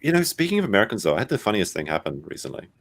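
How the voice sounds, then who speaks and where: A man's voice: on the low side, very animated, racing, no room sound. A man from Australia with an Australian accent, chatting casually in a group in a jokey, self-deprecating way.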